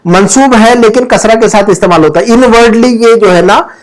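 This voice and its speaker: Man teaching grammar, high voice, patient drilling, repeating endings. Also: normal speed. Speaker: Arabic teacher. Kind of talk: grammar class. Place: home.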